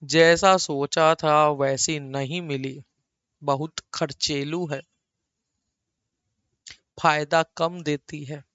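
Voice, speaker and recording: A middle-aged man teaching an accounting lecture at a laptop, chatty and animated, repeating words for emphasis and teasing his students in asides. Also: a little high, extremely slow, long pauses, dry recording, highs cut off. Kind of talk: recorded online lecture. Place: small room at a laptop.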